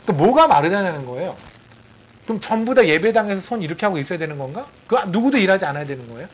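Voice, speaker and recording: A man preaching a sermon as a missionary, in a lively conversational way, acting out quotes and firing rhetorical questions. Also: high voice, racing, slightly rough, poor audio.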